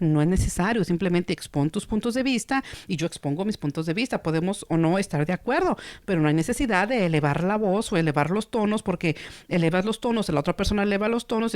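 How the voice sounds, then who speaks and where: A woman psychotherapist, teaching calmly and carefully on communication, now and then acting out quoted voices. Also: fairly low pitch, no room sound. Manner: calm, measured, with playful acted quotes.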